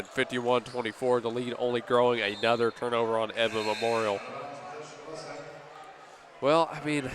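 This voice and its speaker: A man calling a high school basketball game with steady, easygoing play-by-play commentary. His voice sits at a middle pitch. A faint hum of gym noise and bouncing balls runs behind him. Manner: steady play-by-play, casual asides and quick self-corrections. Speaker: play-by-play announcer.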